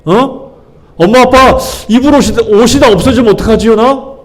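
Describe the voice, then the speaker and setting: A man's voice: very high-pitched, moderate pace, pitched above the performer's own voice. A man doing a fretful anxious schoolkid. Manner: whiny, worried questions. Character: anxious fretting schoolchild, boy.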